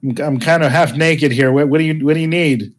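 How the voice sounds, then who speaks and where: A man's voice: a little high, a little fast, background noise. Man calling out through a door. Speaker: player. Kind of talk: casual tabletop game chat.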